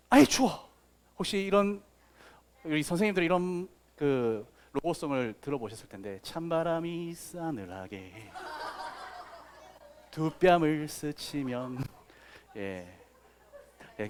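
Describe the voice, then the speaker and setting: Animated pastor preaching to children. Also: male voice, sits high. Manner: playful storytelling with sound effects and voices; talks directly to children with questions. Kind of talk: children's sermon.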